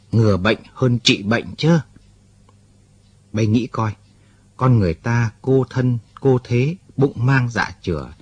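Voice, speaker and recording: A man's voice: fairly low pitch, breathy edge. A man voicing an older rural man who is blunt but kind-hearted. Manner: scolding yet fatherly, talks bluntly.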